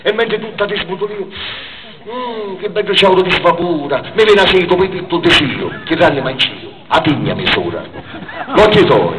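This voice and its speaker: A man with a Trapani Sicilian accent, a dialect poet with a theatrical way of speaking at a live event. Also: high-pitched. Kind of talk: live comic poetry recital in dialect. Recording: distant, echoey, very noisy live recording.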